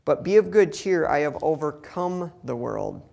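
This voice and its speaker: A man's voice: on the high side, sing-song, moderate pace, gravelly, a little mellow. A man reading Bible passages aloud and explaining them in an earnest, conversational teaching style with touches of humor. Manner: reads scripture then explains it conversationally.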